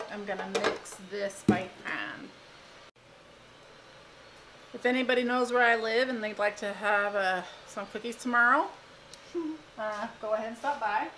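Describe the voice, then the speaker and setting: A woman's voice: mid-range voice, pushed and bright, a little hiss or hum, low-quality recording. Chatty woman baking in a home kitchen. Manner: chatty, giggly, rambling asides. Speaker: home cooking host. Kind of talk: casual cooking demonstration.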